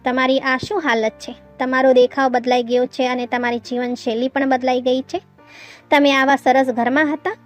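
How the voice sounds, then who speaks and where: A woman's voice: high voice, flat delivery, normal speed, soft background music, lightly acted. A woman voicing a stern, greedy middle-aged stepmother in a read-aloud story, speaking in an accusing, demanding way.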